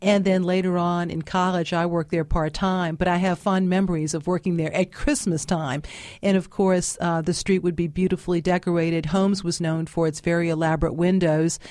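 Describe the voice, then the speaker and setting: A woman's voice: fairly low pitch, level tone, moderate pace, darkish tone, dry recording, studio quality. A woman, a guest chatting casually in an interview with many fillers and restarts. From New Orleans. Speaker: guest author.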